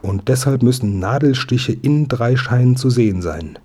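A man's voice: medium pitch, moderate pace, warm tone, husky, pitched above the performer's own voice, natural voice. A man voicing an indignant, eager young boy in a storybook reading, talking in agitated outbursts. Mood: urgent.

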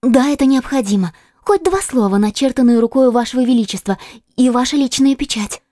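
A man voicing a devoted, eager young maid in a fervent, earnest falsetto for a storybook audiobook. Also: animated, fairly quick, warm tone, no room sound, studio quality. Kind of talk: audiobook character voice.

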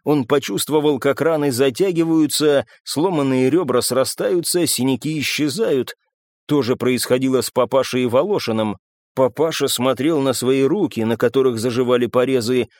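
A man's voice: mid-range voice, moderate pace, darkish tone, no room sound. A man narrating an audiobook in a tense, dramatic reading. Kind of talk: scripted narration.

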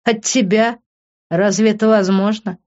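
A man's voice: high-pitched, expressive, moderate pace, muffled recording. A reader doing a sarcastic mocking young guy. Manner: teasing, ironic. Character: sarcastic mocking male friend, young man.

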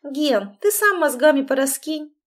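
A cheerful young woman friend, lively and teasing, who spells things out bluntly, as a woman voices her in an audiobook. Her voice sits high and bouncy. She sounds amused by everyone else's confusion. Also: measured pace. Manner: teasing, lively, matter-of-fact. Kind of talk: audiobook dialogue.

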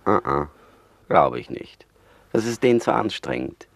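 A scornful old-radio-play rat. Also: male voice, deep voice, very animated, unhurried, vocal fry, no echo, heavily acted. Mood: mocking. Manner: soothing yet mocking. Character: cynical male rat, calm, scornful. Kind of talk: 1960s radio play acting.

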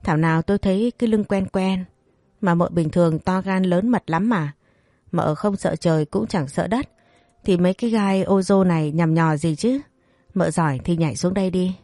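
A woman voicing a stern young husband who teases in a deadpan, cold manner. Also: on the low side, normal speed, dry recording, natural voice. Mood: deadpan teasing. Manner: deadpan, dry teasing.

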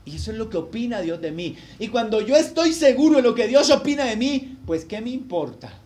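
A male pastor preaching a sermon, telling a personal story with strong swings between loud emphasis and quiet asides. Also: very high-pitched, very animated, brisk.

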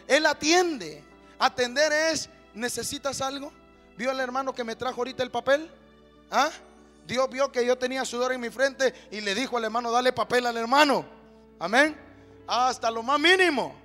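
A man preaching a sermon as pastor in a church, building to shouted amens and calling to the congregation. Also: very high voice. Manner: preaching with rising shouts, call-and-response amens.

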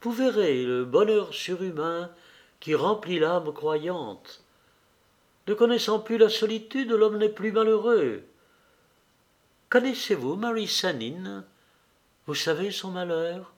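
A man's voice: high-pitched, lively intonation, slow, long pauses, pitched above the performer's own voice. A man voicing a fervent, pious aristocratic countess who speaks emphatically.

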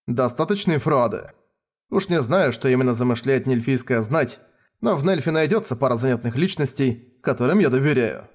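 A man voicing a young male king who speaks quietly and with assurance. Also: mid-range voice, expressive, fairly quick, lightly acted. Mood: resolute.

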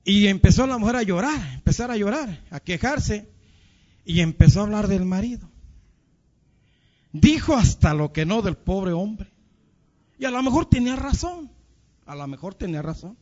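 A man's voice: sits high, moderate pace, pauses often. A male pastor preaching a sermon, telling stories and calling his listeners brothers. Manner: animated storytelling, addresses congregation as brothers. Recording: dull lo-fi recording.

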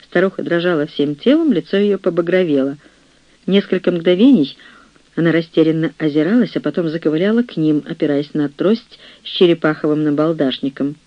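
A man reading a novel aloud as an audiobook narrator in a steady storytelling manner. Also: a little high, brisk, dry recording, lo-fi sound. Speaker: audiobook reader. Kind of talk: scripted narration.

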